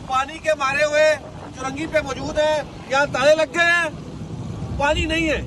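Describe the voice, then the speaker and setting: A man's voice: extremely high pitch, level tone, moderate pace. A man speaking as a protesting resident in a street interview, listing grievances in short repeated phrases. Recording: loud traffic noise outdoors.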